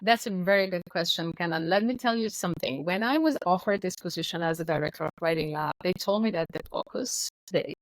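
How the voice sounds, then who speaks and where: Lower-voiced woman. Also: no echo, rough recording. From Iran. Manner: articulate, assured explanations. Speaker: guest. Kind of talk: podcast interview.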